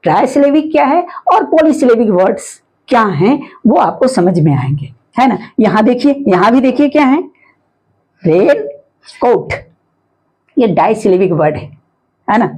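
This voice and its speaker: Husky-voiced woman teaching phonics patiently. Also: a little high, very animated, a little mellow, rough recording. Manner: patient, repetitive explaining with frequent "है ना" checks; sounds out words slowly letter by letter. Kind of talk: phonics lesson explaining syllables.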